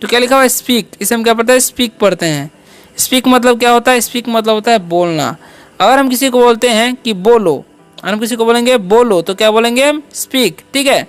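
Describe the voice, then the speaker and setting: A woman teaching an English lesson, spelling words out slowly and asking and answering her own questions with a frequent "okay". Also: a little high, faint music behind. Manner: asks and answers own questions, repeating "ठीक है"; slow, careful spelling-out of words.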